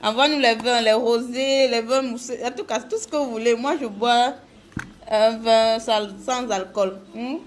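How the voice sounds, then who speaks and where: A woman's voice: on the high side, fairly even intonation, measured pace, a little hiss or hum. A woman chatting casually with viewers during a live makeup tutorial, greeting them by name.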